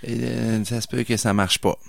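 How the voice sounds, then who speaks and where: A man's voice: mid-range voice, moderate pace, vocal fry, no room sound. A middle-aged man with a Québécois accent, hosting a podcast and telling a story in a chatty way, acting out the lines of the people he met, with lots of fillers. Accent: Québécois French. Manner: animated anecdote-teller, acts out dialogue, many fillers. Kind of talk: casual storytelling chat.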